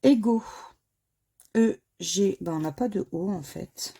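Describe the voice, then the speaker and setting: Gravelly, low-key woman scratching tickets. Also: takes it slowly, mellow, a little hiss or hum. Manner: spells out letters aloud, muttering low between calls. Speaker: scratch-card vlogger. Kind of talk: casual commentary while scratching tickets.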